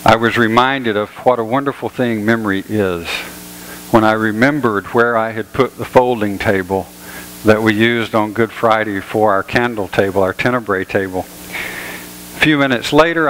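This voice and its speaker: A pastor giving a sermon in a church, telling jokes in an easygoing, folksy way. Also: male voice, medium pitch, fairly bright tone, long reverb tail, a little hiss or hum, rough recording. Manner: folksy storytelling, easygoing humor. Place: church sanctuary.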